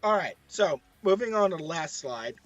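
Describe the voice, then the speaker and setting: A man presenting tech commentary with a hoarse, strained voice that is giving out, stressing his points by repeating them. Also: on the high side, expressive, normal speed, fairly bright tone, no echo, muffled recording, soft background music. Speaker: streamer, presenter. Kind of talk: slide-based tech commentary.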